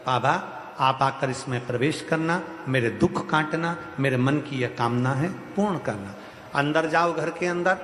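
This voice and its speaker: A man's voice: fairly high pitch, a bit bright, a little hiss or hum. A man preaching a devotional sermon, exhorting his listeners and building emphatic repeated lists. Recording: echoey hall with long reverb.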